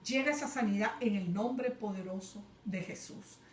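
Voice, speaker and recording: A woman preaching a fervent sermon, rising at times to loud cries. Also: medium pitch, moderate pace, a little hiss or hum. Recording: echoey room, voice far from mic.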